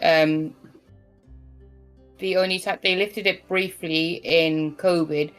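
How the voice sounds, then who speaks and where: A woman's voice: fairly low pitch, fairly even intonation, takes it slowly. A woman in her thirties chatting casually while gaming, blunt and sweary. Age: 30s. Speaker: gaming stream co-host. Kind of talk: casual chat. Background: game music.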